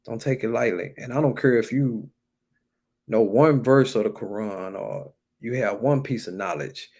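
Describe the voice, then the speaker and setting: At a normal speed, an American man with a husky, darkish, mid-range voice gives an informal sermon. His colloquial exhortation returns to key phrases, repeating and emphasizing them.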